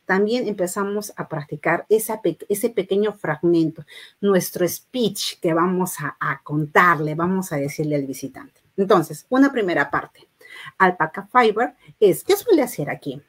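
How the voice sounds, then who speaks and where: A middle-aged woman with a Peruvian Spanish accent, teaching an English class patiently and reading English phrases slowly for learners to repeat. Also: lowish voice, breathy edge. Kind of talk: online class lecture.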